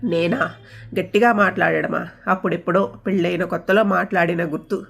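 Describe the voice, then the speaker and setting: Woman doing a middle-aged dad in a story, jokey and gentle, teases his girls, dry humor. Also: fairly low pitch, fairly even intonation, brisk, creaky, breathy edge. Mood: joking.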